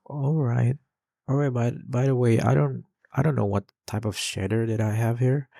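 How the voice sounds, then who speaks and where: Recorded cleanly in a studio with no echo, a young gaming host with an Indonesian accent chats loosely while playing, rambling through many fillers and restarts. His medium-pitched voice is mellow with vocal fry, steady in tone and at normal speed.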